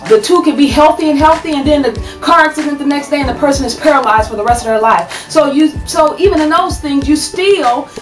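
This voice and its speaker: Animated woman vlogger, high voice. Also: fairly quick, hardly any pauses, echoey room, recorded from a distance, soft background music, poor audio. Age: 30s. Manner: animated, preachy, says "okay?" often. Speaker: advice vlogger. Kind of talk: casual advice talk to camera. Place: small room at home, indoors. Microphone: webcam at desk distance.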